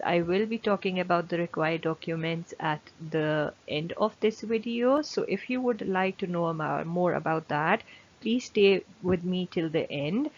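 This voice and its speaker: Nasal woman with a cold, low voice. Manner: steady, step-by-step explaining. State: has a bad cold. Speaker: channel host. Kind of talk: explanatory video tutorial. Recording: dull lo-fi sound with faint hiss.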